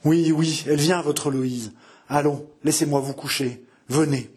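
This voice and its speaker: A man voicing an old, weeping nursemaid who coaxes and pleads in a slow, tearful voice. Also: on the high side, steady tone, a little mellow, close to an everyday voice. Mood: coaxing.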